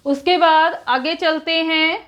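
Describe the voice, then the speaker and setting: Slow, patient high-voiced woman teacher. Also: fairly even intonation, fairly bright tone. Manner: patient, repeats letters for children to follow. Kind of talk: slow children's alphabet lesson.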